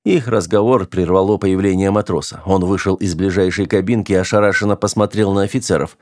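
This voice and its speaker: A man narrating an audiobook in a steady, matter-of-fact reading style. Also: low voice, brisk.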